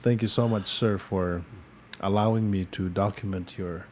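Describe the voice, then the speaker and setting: A man's voice: low-pitched, fairly even intonation, darkish tone, a little hiss or hum. Filipino man hosting a podcast interview. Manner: formal, measured introductions. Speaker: podcast host.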